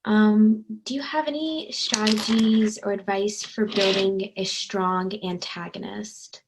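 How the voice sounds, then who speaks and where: A woman's voice: mid-range voice, fairly even intonation, slow, background noise. A woman in the audience asking the speaker a question, somewhat hesitantly.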